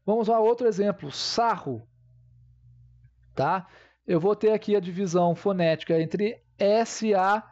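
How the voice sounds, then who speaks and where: A man's voice: high-pitched, mellow, muffled recording. A man teaching a grammar lesson, explaining step by step and checking in with his viewers.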